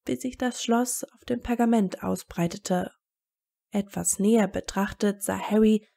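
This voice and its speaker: A woman reads a story aloud in steady narration. Her voice sits in the middle range. A gravelly fry colours it throughout. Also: mid-range voice. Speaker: fan fiction reader.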